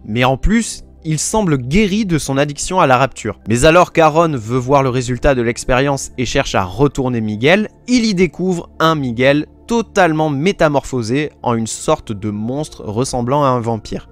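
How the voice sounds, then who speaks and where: A man narrates a comic-book origin for his channel with an easy, chatty storytelling style. He drops slangy comments to his viewers between plot points. His voice sits a bit high, with soft music playing behind him. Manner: relaxed, slangy asides to viewers. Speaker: YouTube host.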